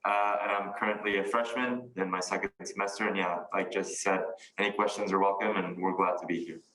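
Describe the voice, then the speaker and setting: Low-voiced young man, calm student. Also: brisk. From Mexico. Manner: calm, frequent uh fillers. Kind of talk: casual chat. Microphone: video call. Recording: echoey room.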